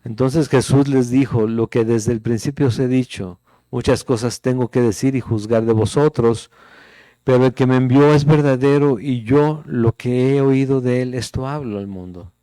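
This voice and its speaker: A middle-aged pastor preaching in a relaxed, conversational way, reading scripture aloud and checking in with his listeners. His voice is mellow and warm at a middle pitch. The sound is dry and close. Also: moderate pace, dry recording. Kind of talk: sermon.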